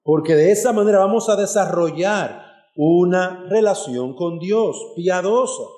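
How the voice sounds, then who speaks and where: A man's voice: sits high, mellow, echoey room. A man preaching a sermon as pastor, earnest and direct, speaking to his congregation as brothers and sisters. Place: church hall.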